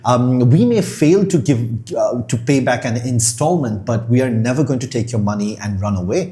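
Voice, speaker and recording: A man's voice: medium pitch, lively intonation, fast, mellow. A man answering interview questions about running his education business, reflective and earnest, firm when he disagrees. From Bangladesh. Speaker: education entrepreneur guest.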